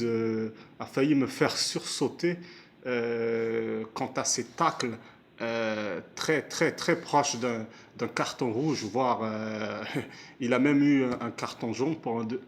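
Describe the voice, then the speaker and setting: A man shares his view of a football match at an unhurried pace. He pauses often, fills gaps with hesitation sounds and restarts his sentences, and his voice sits at an ordinary middle pitch. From Canada, Montreal area. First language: Moroccan heritage; first language not stated. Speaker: amateur football commentator. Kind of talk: casual spoken match analysis.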